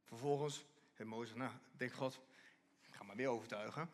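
A man preaching a sermon, lively, often repeating and restarting phrases and reading scripture aloud. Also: mid-range voice, moderate pace.

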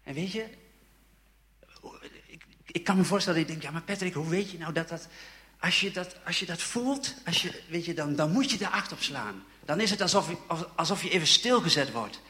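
A young man telling his personal faith testimony in an emotional, halting way, with many repeated words and restarts. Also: a little high, expressive, pushed and bright. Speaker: church member giving a testimony.

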